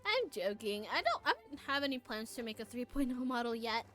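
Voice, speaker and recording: Sing-song and a bit bright, this woman's fairly high voice runs a little fast as she banters through a game stream. She's playful and easily flustered, stammering now and then, with background music.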